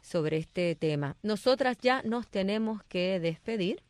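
A woman's voice: medium pitch, expressive, unhurried, a little mellow, smooth, dry recording. Woman co-host, dry close voice. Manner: attentive, frequent agreeing murmurs. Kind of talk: casual radio chat.

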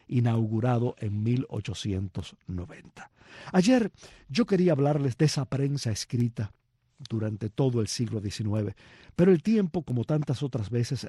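A man hosting a radio program, giving a measured, reflective history talk full of rhetorical questions. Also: mid-range voice, mellow, husky, no echo.

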